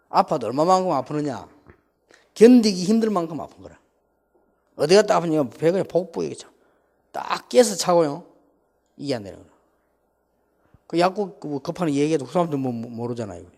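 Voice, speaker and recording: A man, preaching a sermon and telling a personal story in a rambling, animated way with many asides. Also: fairly high pitch, long reverb tail. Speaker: pastor.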